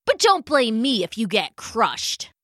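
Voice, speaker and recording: A woman's voice: on the high side, big pitch swings, measured pace, a bit bright, slight background noise. A woman voicing a big, shaggy male lion who scoffs at first and later yowls in pain. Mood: scoffing. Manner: mocking laughter, pained yowling.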